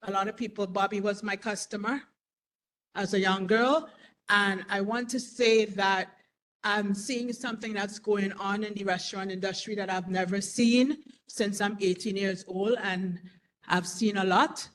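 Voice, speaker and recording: A woman's voice: medium pitch, steady tone, a little slow, slight background noise, rough recording. A woman in her forties, a restaurant owner, speaking at a community meeting in an earnest, rambling way with many "you know"s. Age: 40s. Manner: earnest, repeats herself, fillers like "you know". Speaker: restaurant owner applying for a license. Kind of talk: public comment at a community meeting.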